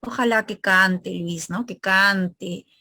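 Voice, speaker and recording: Bright-voiced woman teacher quizzing her class. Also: medium pitch, slow, dry recording. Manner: quizzing students, explaining grammar step by step. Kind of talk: online exam review class.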